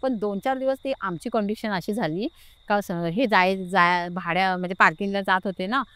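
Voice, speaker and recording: A woman's voice: medium pitch, normal speed, fairly bright tone, clean tone, dry recording. A middle-aged woman with a Marathi accent tells a personal story in casual talk, hesitant and full of fillers, acting out what others said. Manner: hesitant, many fillers and restarts, voices others in quotes. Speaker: interview guest telling her experience.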